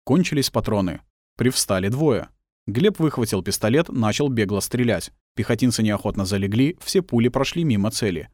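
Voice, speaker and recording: A man's voice: on the low side, animated, moderate pace, a little mellow, no room sound, studio quality. A man reading a war novel aloud as scripted audiobook narration.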